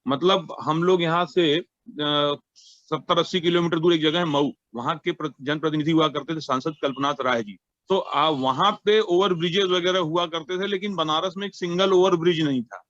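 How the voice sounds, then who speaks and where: A man's voice: a little high, moderate pace, fairly bright tone, no echo. A man from Varanasi, a shopkeeper answering an interviewer with wry anecdotes and quoted lines. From Varanasi, India. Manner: anecdotal, wry, quotes scripture and plays out dialogue. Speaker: shopkeeper and trade association member. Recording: dull lo-fi sound.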